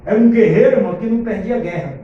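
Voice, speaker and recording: High-voiced pastor in echoey church. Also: male voice, rapid-fire, dull audio. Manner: animated, addresses congregation as brothers. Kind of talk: storytelling sermon. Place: church hall. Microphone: handheld microphone. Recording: echoey church room from far off, faint music.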